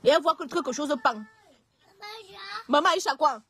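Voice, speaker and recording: A woman's voice: high voice, moderate pace, fairly bright tone. A woman talking on a live stream, hesitant, often restarting and pleading. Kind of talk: casual live-stream talk.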